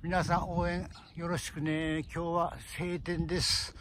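A man's voice: on the high side, completely flat delivery, measured pace, noisy background. An older man with a Toyama accent casually narrating his walking vlog outdoors, politely addressing viewers as he films on a phone. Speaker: vlogger filming his walk.

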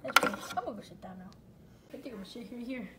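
A woman with a fairly high voice talks through a playful homemade skit, narrating each step in a jittery, nervous way. A steady noisy hiss sits under her voice throughout. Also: fast talker. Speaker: skit maker.

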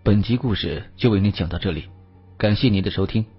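A man narrating a serialized audio story with steady, measured emphasis. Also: fairly low pitch, husky. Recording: slightly muffled with faint music.

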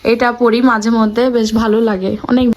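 A young woman with a fairly high voice chats at home for her vlog and listens closely with soft agreeing hums. Faint hiss and clicks sit under the recording. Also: flat delivery, normal speed. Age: young adult. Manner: attentive, admiring, with frequent agreeing hums. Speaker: vlogger. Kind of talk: casual chat.

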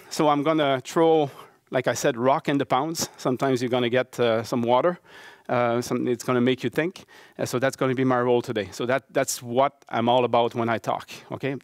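In a university lecture hall, a middle-aged conference speaker from Quebec City, who works as a professor and baseball coach, talks earnestly in a mid-range voice at moderate pace. His Québécois French accent comes through clearly on studio-quality audio, and he often uses fillers and restarts sentences.

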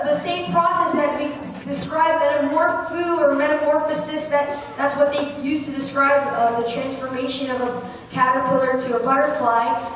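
A young woman with a high voice delivers a sermon into a handheld mic. She is earnest and restarts her sentences often. The sound is distant, with long reverb from a church hall and a faint room hum. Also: fairly bright tone. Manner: earnest, gesturing, with fillers and restarts. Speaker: preacher. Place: church hall with brick wall. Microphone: handheld microphone at a lectern, recorded from the room. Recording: echoey hall from far off.

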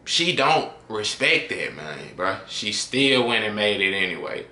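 A man's voice: on the low side, sing-song, measured pace, pushed and bright, reverberant. A man hosting a reaction video, talking in loose slangy chat that trails off into a mutter at the ends of lines. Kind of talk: casual reaction commentary.

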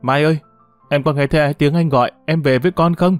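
A man's voice: on the high side, steady tone, fairly quick, no room sound, soft background music, pitched above the performer's own voice, lightly acted. A man voicing a desperate young father who calls out pleadingly for his missing wife. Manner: calling out pleading and plaintive.

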